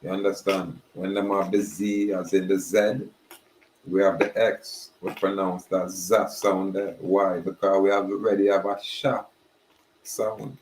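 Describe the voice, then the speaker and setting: Slow, deep-voiced man preaching. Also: flat delivery, a little mellow, a little hiss or hum. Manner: slow, emphatic, repeats "yeah, man". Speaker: spiritual speaker. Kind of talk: preaching monologue. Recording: roomy echoey recording.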